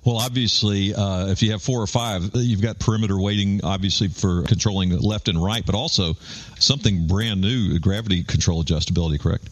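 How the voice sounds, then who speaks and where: A man's voice: low voice, a little fast. A man interviewing golf company staff, asking enthusiastic leading questions.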